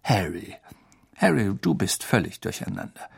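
A man voicing a fussy middle-aged male minister who talks in an agitated, hurried and patronizing way. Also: lowish voice, sing-song, vocal fry, slightly rough, heavily acted.

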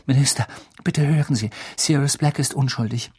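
A man playing a desperate teenage boy, urgent and pleading, pitched well above his own voice. The tone is husky and gravelly, with big swings in pitch. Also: big pitch swings, moderate pace, dry recording, clean studio sound, full character voice.

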